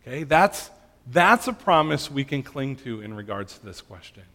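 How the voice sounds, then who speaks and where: A man's voice: mid-range voice, sing-song, normal speed, bright, forceful tone. A man giving an earnest sermon that answers questions, often checking in with his listeners. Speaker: pastor. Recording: long hall reverb.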